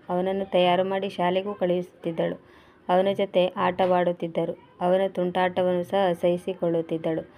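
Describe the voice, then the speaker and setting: A grieving transgender woman pours out her past in a storybook reading, as a woman narrator voices her. Her plaintive words come in a flat, mellow voice. The delivery stays steady and sorrowful. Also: on the low side, natural voice.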